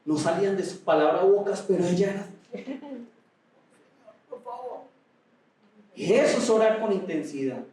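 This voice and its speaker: Pastor preaching hard, kinda high voice, big echoey hall, mic off a bit. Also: male voice, lively intonation, moderate pace, pauses often, recorded from a distance. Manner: impassioned preaching, rising to near shouts at times. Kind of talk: sermon. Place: large echoey auditorium.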